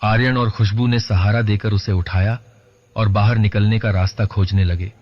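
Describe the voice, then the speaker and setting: Low-voiced man narrating horror. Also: steady tone. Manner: dramatic, measured. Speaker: horror storyteller. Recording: lo-fi dull recording.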